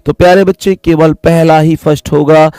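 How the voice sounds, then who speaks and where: A young man teaches an exam-prep reasoning class, talking to his students in a chatty, fond way. His voice sits a little high, and he repeats each key point. The sound is dry and close to the mic, with no room echo. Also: fairly even intonation, moderate pace, darkish tone, clean tone. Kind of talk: online exam-prep lesson.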